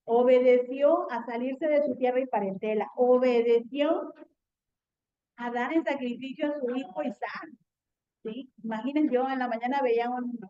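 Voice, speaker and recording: High-voiced woman teaching a Bible class. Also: normal speed, dull audio. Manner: earnest, often checks in with students asking "¿sí?".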